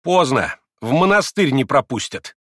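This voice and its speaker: A man's voice: mid-range voice, sing-song, normal speed, fairly bright tone, no room sound, clean studio sound, pitched above the performer's own voice. A man voicing a sarcastic, irritable young man who needles and mocks. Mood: mocking.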